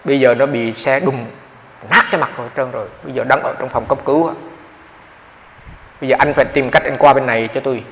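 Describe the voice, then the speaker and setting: A man, a Buddhist monk telling a story in a dharma talk, with quoted dialogue and halting repetitions. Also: medium pitch, vocal fry, a bit bright, slight background noise. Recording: dull, hall reverb.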